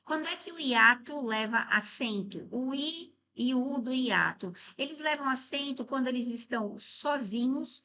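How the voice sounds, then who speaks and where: A middle-aged Brazilian woman teaching a Portuguese grammar lesson for exam prep. She explains step by step, often checks in with the class, and slows down to stress words syllable by syllable. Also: high-pitched, lively intonation, pushed and bright.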